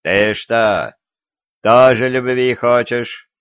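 A man voicing a huge wolf with a slow, mocking drawl in an audiobook. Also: mid-range voice, a bit bright, clear, resonant tone, no room sound.

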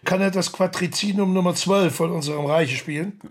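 In a German period radio drama, a man plays a proud, irascible eighteenth-century composer, sardonic and commanding. His voice is gravelly and husky, sitting high with a brisk pace, and the mood is subdued and solemn.

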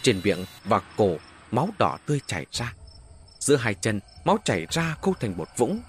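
A man's voice: fairly low pitch, big pitch swings, normal speed, a little hiss or hum. A man telling a first-person horror story as an audiobook narrator, with dramatic, varied delivery.

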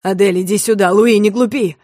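A woman voicing an angry young man who shouts gruff commands in an audiobook story. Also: mid-range voice, fairly even intonation, fairly quick, dry recording, clean studio sound, close to an everyday voice.

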